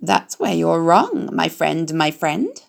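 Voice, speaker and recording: A woman voicing a chattering female goose who talks fast and repeats her words. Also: low voice, big pitch swings, vocal fry, exaggerated voice.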